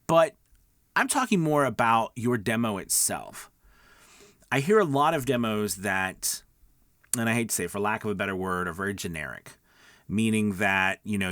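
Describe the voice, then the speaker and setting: In clean studio sound with no room noise, a middle-aged male voice-over coach and video host gives viewers casual, conversational instruction. His mid-range voice is a bit bright, and he speaks emphatically, often checking in with his audience.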